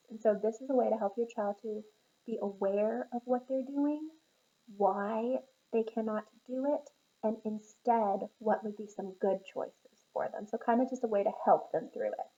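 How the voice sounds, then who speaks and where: A woman teacher reading a picture book aloud to young children, encouraging and pausing to ask them questions. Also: fairly high pitch, mellow, dull audio.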